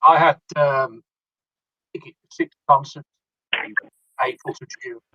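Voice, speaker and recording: A man talking over a video call that keeps breaking up, speaking in a halting way with restarted sentences in casual chat. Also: on the high side, little pitch movement, sharp tone, no room sound, highs cut off. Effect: video call audio that breaks up.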